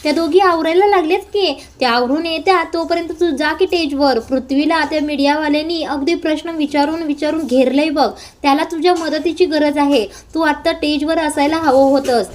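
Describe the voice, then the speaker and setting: A woman's voice: high voice, fairly quick, hardly any pauses, lightly acted. A woman voicing a scheming older male villain in a serial recap, with a taunting, menacing manner. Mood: coaxing.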